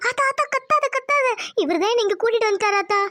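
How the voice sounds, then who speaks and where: A woman's voice: very high voice, lively intonation, fast, bright, forceful tone, no echo, exaggerated voice. A woman voicing an anxious, tender village mother in a cartoon. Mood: alarmed. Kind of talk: cartoon voice acting.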